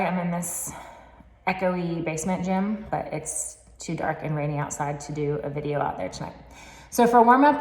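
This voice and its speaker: A woman fitness coach explaining exercises step by step in a casual, encouraging way, recorded in an echoey basement gym. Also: mid-range voice. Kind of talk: instructional workout demonstration.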